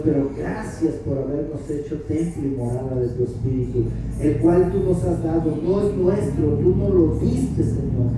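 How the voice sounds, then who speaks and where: Dark-voiced pastor in echoey hall. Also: male voice, fairly high pitch, a little hiss or hum. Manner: praying aloud fervently, then teaching in a softer, conversational tone. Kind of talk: sermon with spoken prayer. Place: church sanctuary. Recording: very echoey church hall, mic far off.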